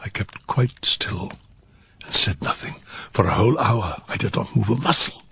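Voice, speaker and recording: Gravelly, unhinged murderer, fireside storytelling. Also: male voice, lively intonation, bright, forceful tone, slight background noise, exaggerated voice. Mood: grim, hushed. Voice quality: low gravelly voice breaking into whispers and high cackles. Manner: theatrical, drawn-out words, sudden swings in pitch and pace. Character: unhinged, gleefully cunning murderer confessing his crime. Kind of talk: dramatic fireside storytelling of a gothic horror tale.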